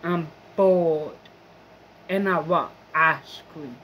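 A woman's voice: deep voice, very slow, fairly bright tone, a little hiss or hum. A young woman vlogger in a rambling, profane, complaining monologue. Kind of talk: casual venting monologue.

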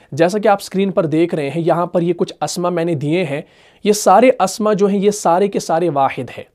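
High-voiced man teaching grammar patiently. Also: a little mellow. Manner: patient, asks the class checking questions. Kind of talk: recorded online lesson.

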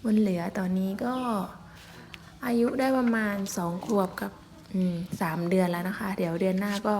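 A woman's voice: mid-range voice, moderate pace, slight background noise. A woman chatting politely and casually as she narrates an outdoor vlog in the forest. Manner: chatty, polite, with frequent soft particles. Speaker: vlogger filming elephants.

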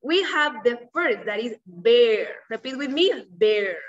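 A young woman, a native Spanish speaker, teaches small children in a slow, simple, encouraging way, as if talking to a toddler, having them repeat words. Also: a little high, expressive. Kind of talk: preschool vocabulary lesson for repeat-after-me practice. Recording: distant, slightly muffled video-call audio.

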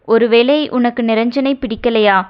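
A woman voicing a caring, older-sister friend who coaxes and gently scolds, read in an audio novel. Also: fairly high pitch, unhurried, clear, resonant tone, lightly acted. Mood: coaxing. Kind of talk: audio novel character reading. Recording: dull lo-fi recording.

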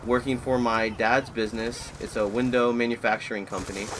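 A man's voice: mid-range voice, little pitch movement, brisk, background noise. A man in his twenties from Florida, chatting through live gameplay commentary and rambling as the match keeps pulling his attention. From Florida, USA. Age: 20s. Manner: rambling, easily distracted by the match. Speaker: gaming YouTuber.

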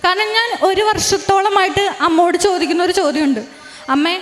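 A young woman giving a personal religious testimony in an earnest, halting storytelling manner with frequent restarts. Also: very high voice, fairly bright tone. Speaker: testifying believer. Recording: reverberant room.

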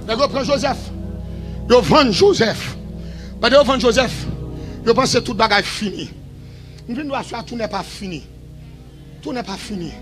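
A man preaching a revival sermon in a shouted, sing-song style that falls to quieter stretches. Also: very high voice, moderate pace, long pauses, music in the background.

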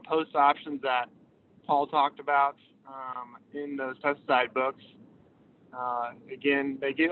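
A man calling in by phone while driving on the interstate, presenting on weed control in a hesitant way with many filler sounds. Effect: phone call from a moving car. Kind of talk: informal presentation over the phone. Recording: tinny phone line with road rumble. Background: vehicle road noise.

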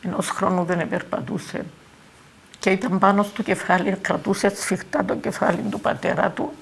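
An older woman with a Cypriot Greek accent gives eyewitness testimony. Her voice is strongly gravelly and husky, sitting at a middle pitch. She speaks haltingly and circles back over the same words. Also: steady tone. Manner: halting, repeats words and phrases. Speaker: eyewitness interviewee.

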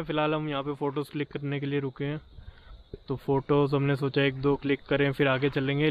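A man's voice: on the high side, smooth, dull audio. A man in his thirties, a travel vlogger, talking to a handheld camera in a chatty, upbeat, easygoing way. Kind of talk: casual travel vlog talk to camera. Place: roadside, car interior and lakeside outdoors. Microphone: handheld camera at arm's length. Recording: road and traffic noise behind.

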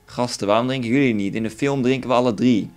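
A man's voice: mid-range voice, fast, darkish tone. A young man with a Dutch accent commentating his own game playthrough in a crude, rambling, joking way. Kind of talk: casual let's play commentary. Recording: faint game music behind.

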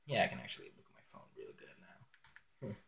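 This teenage boy talks fast, with a bright, forceful tone, as he gives casual game commentary for his gaming channel. He's at home in his bedroom, filmed on a phone on a stand, rambling, giggling and saying um a lot.

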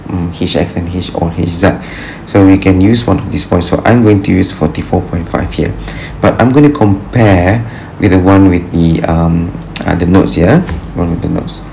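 A man's voice: deep voice, creaky, a little mellow, a little hiss or hum, rough recording. A man teaching an engineering tutorial over a screen recording, patient and thinking aloud with fillers as he works through problems. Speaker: engineering lecturer.

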